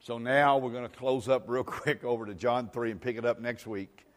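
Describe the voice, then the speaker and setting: A male pastor delivering a sermon, repeating phrases and swinging between hushed and loud, sometimes joking with the congregation. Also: medium pitch, little pitch movement, normal speed. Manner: jokes with the congregation. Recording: long hall reverb.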